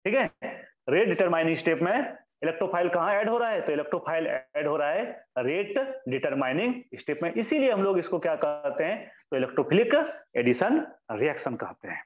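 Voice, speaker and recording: A man with a high voice lectures on chemistry, posing questions and answering them himself. His words ring out in a roomy space, and the recording sounds dull and lo-fi. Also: big pitch swings, fairly quick. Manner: addresses students as children, repeats key terms. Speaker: chemistry teacher. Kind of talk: classroom lecture.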